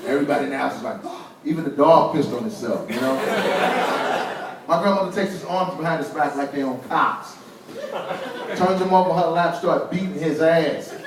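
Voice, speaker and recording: A man in his forties from Kentucky doing a stand-up comedy set, with a wry delivery that builds to punchlines and slips into quick acted asides. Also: on the high side, very echoey, far from the mic, heavy background noise. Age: 40s. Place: comedy club stage.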